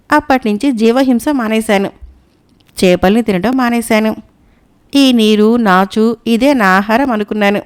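A woman's voice: fairly high pitch, darkish tone, clear, resonant tone, lightly acted. Sly old crane, voiced by a woman storyteller. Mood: pious. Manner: mournful, pious tone.

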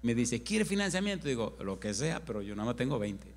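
A man's voice: medium pitch, darkish tone. A man preaching as pastor in a church, telling a story animatedly and acting out the other people's words in dialogue. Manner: slow emphatic altar call. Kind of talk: sermon with acted-out anecdote.

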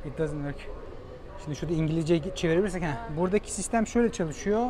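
A travel vlogger narrates a casual vlog in a noisy indoor metro station and on the train, thinking aloud and chatting with his companion while buying a metro token. His voice is fairly high-pitched and quick, with crowd noise around him.

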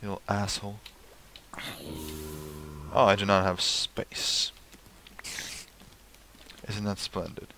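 A man's voice: on the low side, monotone, takes it slowly, pauses often, bright, forceful tone, slight background noise. A young man giving casual let's play commentary, swearing and talking to the creatures in his game. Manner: swears at the game, talks to mobs.

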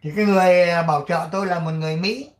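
Older vietnamese guy rambling on his channel, lots of ums and throat clearing, kinda high voice. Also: rapid-fire, echoey room. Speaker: channel host. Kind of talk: casual commentary and reading aloud.

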